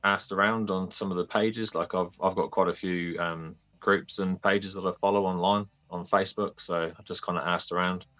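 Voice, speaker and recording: A young man with a New Zealand accent chatting casually and haltingly as a laid-back podcast guest. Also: low voice, steady tone, a bit bright, soft background music. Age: young adult. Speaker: podcast guest, toy fair organiser. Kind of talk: casual chat.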